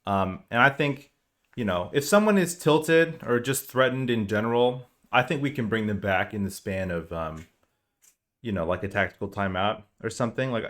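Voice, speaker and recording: Man, lowish register, relaxed conversational coach explaining to his team. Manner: conversational, animated explaining with acted-out examples. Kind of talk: casual spoken lecture.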